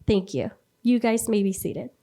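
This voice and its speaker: A woman's voice: medium pitch, a little slow, mellow. A woman leading a formal oath as an official, reciting it in set phrases.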